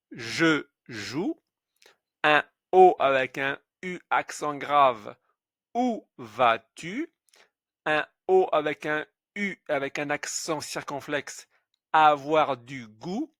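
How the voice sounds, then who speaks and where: Male teacher, slightly high voice, very slow and careful, spelling out letters and example words. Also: fairly bright tone, no echo, studio quality. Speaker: French pronunciation teacher. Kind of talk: slow pronunciation lesson.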